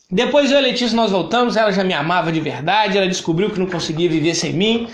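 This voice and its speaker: A man in his thirties with a Brazilian Portuguese accent, giving a personal testimony to live viewers, emphatic and repetitive, often greeting them by name. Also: high voice. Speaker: church speaker sharing his testimony. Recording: echoey room.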